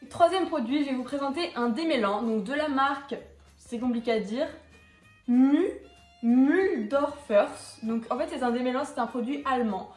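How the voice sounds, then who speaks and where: This young equestrian vlogger has a high-pitched voice and talks a little fast, rambling through a relaxed product review with lots of fillers and false starts. An echo fills the room, with faint music underneath.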